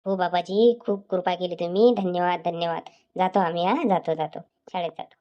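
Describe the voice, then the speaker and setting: A woman's voice: fairly low pitch, fairly even intonation, brisk, dark tone, dull audio, close to an everyday voice. A woman voicing a cheeky, nosy village schoolboy in a cartoon who teases an older man. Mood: backing off. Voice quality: teasing, needling.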